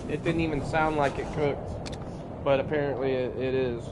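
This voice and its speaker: A man's voice: medium pitch, fairly even intonation, normal speed, heavy background noise. A man streaming a survival game, chatting casually with viewers, swearing freely as he plays. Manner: laid-back, swears freely, greets and answers chat viewers. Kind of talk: casual live-stream chat while playing. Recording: loud game sound under the voice.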